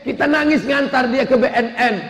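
A man's voice: very high voice, normal speed, fairly bright tone, pitched above the performer's own voice. A male preacher playing a stern middle-aged father who lectures his wife firmly and insistently. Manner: firm, insistent. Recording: echoey hall with long reverb.

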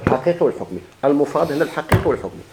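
A man's voice: fairly high pitch, expressive, rapid-fire, a little mellow, roomy sound, slight background noise, poor audio. A man with a Moroccan Arabic accent teaching a grammar lesson, asking questions and answering them himself with repeated examples.

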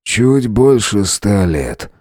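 A man voicing Strannik, hoarse century-old stranger. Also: on the low side, very animated, very slow, dark tone, dry recording, clean studio sound, exaggerated voice. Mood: calm. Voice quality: hoarse, creaky. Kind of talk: audiobook character voice.

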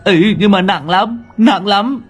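A man's voice: high-pitched, a little slow, faint music behind, voice pushed up. A man voicing a chubby, frightened young man who stammers and pleads in an audio storybook. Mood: whining.

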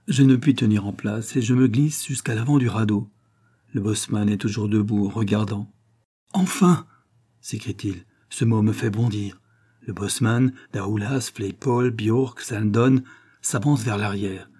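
A man's voice: on the low side, mellow, slightly rough. A man narrating a novel in the first person, in a tense, dramatic audiobook reading.

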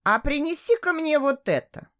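A woman voicing a smug, arrogant wealthy man who talks in an oily, drawn-out way. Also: high-pitched, expressive, fairly bright tone, pitched above the performer's own voice.

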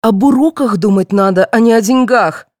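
A woman reading the part of an impatient, sharp-tongued mother who snaps and brushes things off. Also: on the high side, sing-song, moderate pace, dry recording, studio quality, pitched above the performer's own voice. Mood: irritated. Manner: dismissive, snapping.

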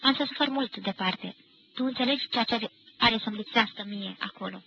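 A grieving, despairing young man in a storybook speaks in a hushed, sorrowful way, as a woman reader gives his lines. The voice is gravelly. The recording is a dull, lo-fi 1990 radio tape. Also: a little high, slight background noise. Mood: quiet.

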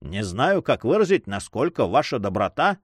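A man's voice: mid-range voice, sing-song, moderate pace, breathy edge, no room sound, clean studio sound. A man voicing a gallant young nobleman who speaks courteously and earnestly to the ladies.

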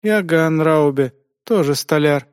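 A man's voice: on the high side, takes it slowly, clear, resonant tone, dry recording, studio quality, voice pushed up. A man voicing a frightened, shamefaced young village widow under interrogation, answering timidly. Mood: reluctant, ashamed.

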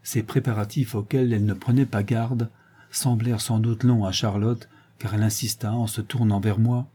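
A man narrating a classic novel as an audiobook in a measured, expressive reading. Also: fairly low pitch, husky.

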